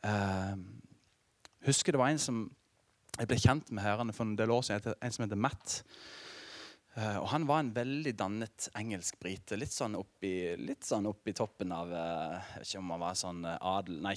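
A middle-aged man preaching a sermon as pastor, telling a story with lively asides and laughter to the congregation. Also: on the low side, no echo.

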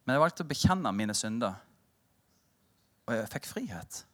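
Animated male preacher telling a story. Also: mid-range voice. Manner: storytelling, animated and humorous with the congregation. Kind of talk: sermon.

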